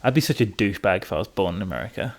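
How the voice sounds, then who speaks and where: A man's voice: sits low, animated, racing. A young man, hosting a casual chat podcast and talking in a loose, profane, filler-heavy drawl. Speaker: podcast host.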